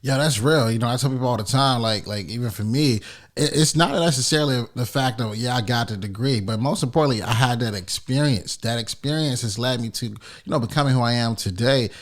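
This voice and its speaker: Male podcast host, mid-pitched, casual hype delivery, encouraging. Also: brisk. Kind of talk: podcast interview.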